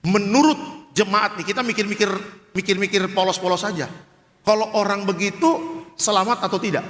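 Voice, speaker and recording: A man's voice: high voice, normal speed, a bit bright. A man pastor preaching a sermon in a large church hall, emphatic and joking, questioning the congregation.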